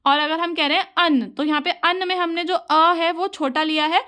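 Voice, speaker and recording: A woman's voice: very high-pitched, fairly even intonation, normal speed, sharp tone. A woman teacher explaining exam material patiently to her students, calling them children as she goes. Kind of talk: exam-prep lesson.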